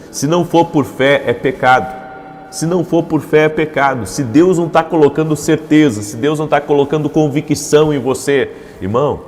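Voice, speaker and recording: A man's voice: medium pitch, big-room sound. A man preaching a devotional morning sermon, with repeated emphatic phrases that build into urgent appeals. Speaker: pastor.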